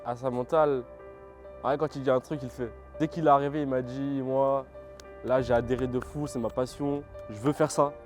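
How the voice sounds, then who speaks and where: A man's voice: mid-range voice, steady tone, normal speed, a little mellow, faint music behind. A man talking casually in an interview, with slangy, loose speech, about training with a teammate.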